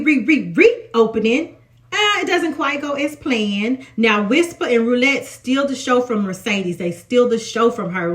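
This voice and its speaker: A woman from Mississippi with a Southern accent, chatting casually through a TV episode recap and often restarting her sentences. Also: a little high. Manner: chatty, animated, restarts a lot. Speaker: TV recap vlogger.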